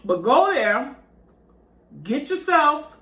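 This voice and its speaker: Extremely slow yet very animated, a woman speaks in a high, somewhat bright voice. As a vlogger having dessert at home, she chats casually and lively with her viewers in a mukbang, and the room echoes.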